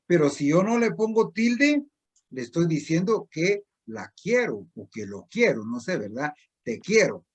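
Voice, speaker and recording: A middle-aged male teacher explaining spelling rules slowly and repetitively, with many pauses. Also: fairly high pitch, very animated, breathy edge. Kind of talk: recorded distance-learning spelling lesson.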